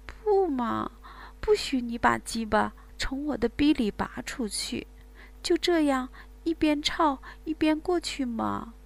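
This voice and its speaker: A woman's voice: high-pitched, expressive, takes it slowly, vocal fry, voice pushed up, exaggerated voice. A woman doing a breathless, pleading young lover.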